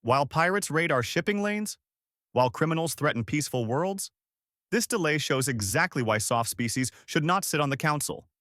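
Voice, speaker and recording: Guy reading harsh alien general in a sci-fi audiobook, loud barky scornful lines, dry close sound. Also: medium pitch, very animated, normal speed, dry recording.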